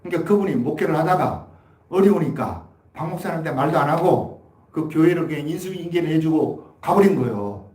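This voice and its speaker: A fairly quick, expressive man with a slightly high, darkish voice gives a Sunday sermon as pastor. Heard in an echoey church hall, he tells a folksy story and then urges his point emphatically.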